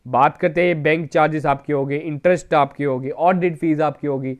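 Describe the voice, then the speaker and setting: A male teacher with a slightly high voice runs a revision lecture for an exam class. He mixes Hindi with English terms. He asks himself questions and answers them, and keeps checking in with his students as he goes. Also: steady tone, moderate pace. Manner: keeps checking in with "theek hai?".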